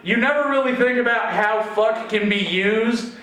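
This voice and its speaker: A man's voice: very high voice, moderate pace, bright, forceful tone. A man performing a stand-up comedy set with crude, profane storytelling in an acting studio. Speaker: stand-up comic. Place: acting studio, in front of a small audience. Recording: echoey room from a distant camera, noisy.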